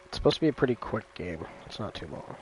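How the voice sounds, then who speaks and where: A man's voice: fairly low pitch, sing-song, fast, soft background music, rough recording. A man giving casual live gameplay commentary as a streamer, chatting to his viewers. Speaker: game streamer.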